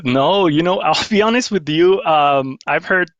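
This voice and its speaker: A man's voice: fairly high pitch, measured pace, fairly bright tone, no echo. A man from Guatemala, chatting as a podcast guest, rambling with restarts and self-deprecating laughs. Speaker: guest, paddle company owner. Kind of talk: casual interview chat. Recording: slightly dull lo-fi sound.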